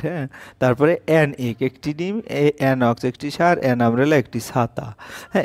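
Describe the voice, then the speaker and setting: A man's voice: medium pitch, a little mellow, no room sound. A man with a Bengali accent teaching a grammar lesson, reading out rules and examples with frequent fillers.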